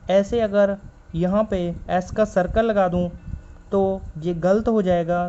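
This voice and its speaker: A man's voice: high-pitched, mellow. A man teaching a stenography class. He explains patiently, repeats key points and spells out letters as he writes. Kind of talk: step-by-step spoken lesson while writing. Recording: dull lo-fi recording.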